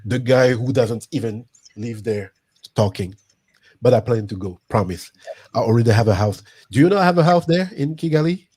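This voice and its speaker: A man's voice: mid-range voice, normal speed, mellow, slightly rough. A man from Guadeloupe hosting a live online show, talking casually and eagerly, often repeating himself as he urges viewers on. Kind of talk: live stream chat.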